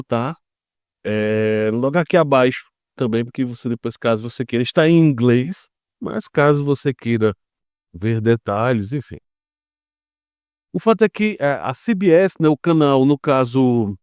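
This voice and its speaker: A man with a Brazilian Portuguese accent gives informal news commentary as an online geopolitics commentator, explaining step by step and often checking in with tag questions like "right?" and "okay?". His voice is mid-range and darkish, recorded dry with clean studio sound.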